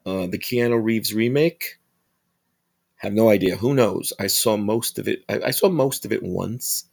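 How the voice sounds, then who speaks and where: Brief: low, husky male podcast host, relaxed casual chat. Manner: chatty and self-mocking.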